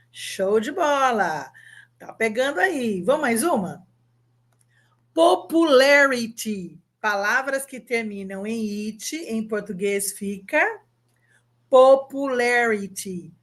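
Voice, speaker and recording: A Brazilian woman in her fifties, an English teacher giving an online lesson, upbeat and coaxing, drilling words slowly and spelling them out. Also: on the high side. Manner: upbeat, coaxing, asks the viewer to answer.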